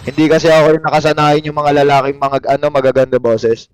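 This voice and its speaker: A young Filipino man with a light, high voice, chatting and joking with his viewers while he plays a game. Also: level tone, fast talker, clear, resonant tone, dry recording. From Philippines. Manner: joking, self-mocking banter with chat. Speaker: game streamer. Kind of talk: casual live-stream chat while playing.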